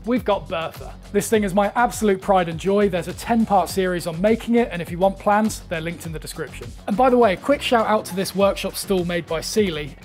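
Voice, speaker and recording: A young man hosting a workshop tour, listing tools and items one after another with brisk enthusiasm, recorded indoors in a small, cluttered workshop. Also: high-pitched, a little mellow. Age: young adult. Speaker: woodworking channel host.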